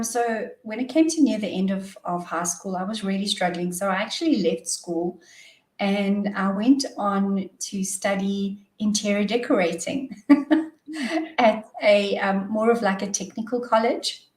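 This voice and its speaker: A middle-aged woman with a South African accent, a wellness coach telling stories as a podcast guest, cheerful and quick to laugh. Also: mid-range voice, reverberant, recorded from a distance. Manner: cheerful, laughs often, warm storytelling. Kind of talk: podcast interview.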